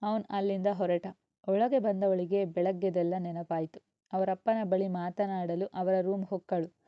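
A woman narrating a serialized story as a storyteller, with a steady, expressive reading on a close mic. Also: mid-range voice, a little slow, dry recording. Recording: dull, dry lo-fi recording.

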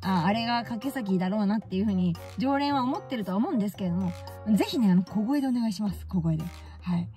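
A woman's voice: medium pitch, animated, quick pace, hardly any pauses, mellow, faint music behind. A woman vlogger telling stories casually and animatedly, often exclaiming and laughing at herself. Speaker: baseball fan vlogger. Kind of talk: casual storytelling vlog.

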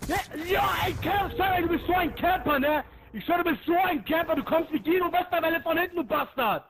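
A man raging and yelling during an online shooter match, swearing and taunting his opponents nonstop. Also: very high voice, brisk, background noise. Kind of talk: screaming gaming rant.

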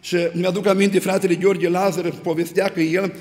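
Preacher guy, really high voice, big hall echo, gets fired up retelling stories. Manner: animated, retelling scripture with rising emphasis. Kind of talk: sermon. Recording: long hall reverb.

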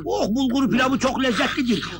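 An actor playing a bald, short-tempered village agha who shouts threats and bullies everyone around him. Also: male voice, very high voice, brisk. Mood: mocking. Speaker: film villain. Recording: old film soundtrack with crowd noise.

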